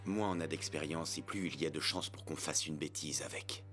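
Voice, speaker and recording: Deep-voiced, gruff swordsman mentor. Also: fairly quick, fairly bright tone, faint music behind. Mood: stern, grave. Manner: blunt, commanding, grumbling. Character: gruff, stern adult male swordsman mentor. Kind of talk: anime dub acting.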